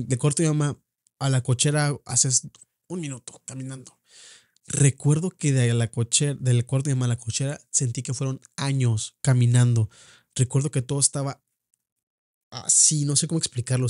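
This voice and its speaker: A young Mexican man recounts a painful memory in a podcast, halting and circling back over his words. His voice is mellow and dark, recorded close and dry with no room around it. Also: medium pitch, fairly even intonation, dry recording. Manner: halting, repeats words, emotional retelling. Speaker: podcast host. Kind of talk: personal storytelling. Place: at home.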